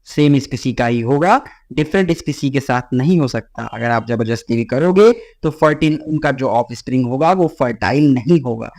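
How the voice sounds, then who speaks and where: A young man teaching a biology lesson, slowly reading English textbook lines and explaining them in a lecture voice, often checking in with "theek hai". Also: medium pitch, a little mellow. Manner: mixes Hindi and English, reads English lines slowly then explains; frequent "theek hai" fillers, addresses students directly.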